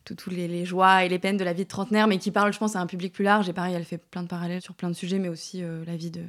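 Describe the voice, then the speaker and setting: A woman's voice: on the low side, little pitch movement, racing. A woman in her thirties chatting as a podcast guest, with many fillers and words that trail off to near-whispers. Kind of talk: casual interview chat.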